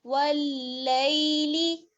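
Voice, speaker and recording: A woman student echoes her teacher's recitation in a high, level voice, very slowly and carefully. When questioned she hesitates before answering. The audio sounds dull, like a lo-fi online call. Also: steady tone, a bit bright. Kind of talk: repeating recitation after teacher.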